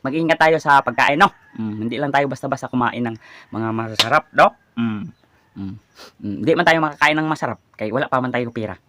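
A man's voice: mid-range voice, brisk, bright, forceful tone, slight background noise. A man with a Filipino accent hosting a casual cooking and eating vlog, chatty and stumbling over longer words. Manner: chatty, keeps calling viewers "idol", laughs a lot. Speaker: food and garden vlogger. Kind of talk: casual mukbang vlog chat.

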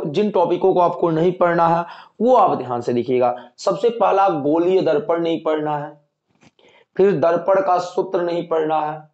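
Male teacher, fairly high voice, echoey room, dull lo-fi sound, repetitive and reassuring. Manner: repetitive, assuring, addresses students as dear children. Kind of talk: exam-prep lecture.

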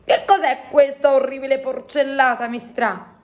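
A woman voicing a big, clumsy, friendly male giant who jumbles his words and booms out his exclamations. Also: steady tone, normal speed, lightly acted. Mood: excited. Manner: booming exclamations, mangled made-up words.

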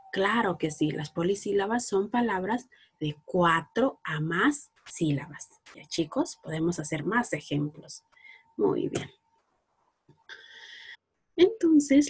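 A woman's voice: medium pitch, a little mellow, breathy edge. A woman with a Peruvian Spanish accent teaching a lesson to young schoolchildren, patiently asking questions and praising answers. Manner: slow, patient, coaxing, asks questions and praises. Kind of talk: recorded class lesson for children.

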